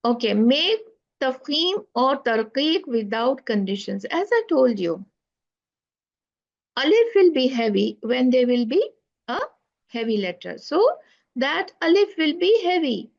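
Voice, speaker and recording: A woman teaching Quran pronunciation, speaking slowly and repeating sounds to demonstrate them. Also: sits high, very animated, creaky. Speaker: tajweed teacher. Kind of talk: online lesson. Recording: dull lo-fi recording.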